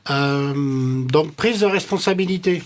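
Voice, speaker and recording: A man's voice: high-pitched, unhurried, background noise. A man chatting casually as he gives spiritual numerology readings, in an informal, joking and teasing way. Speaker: numerologist guest giving readings to callers.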